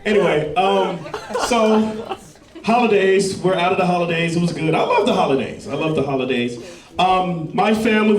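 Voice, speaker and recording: A man's voice: fairly high pitch, roomy sound, distant mic. A man doing a stand-up routine on a club stage, telling stories in a playful, self-mocking way. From Los Angeles, US. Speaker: stand-up comedian.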